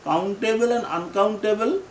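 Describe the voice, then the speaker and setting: A man who speaks Bengali natively, teaching spoken English and slowly repeating each phrase for his learners. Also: high-pitched, echoey room, slight background noise, rough recording.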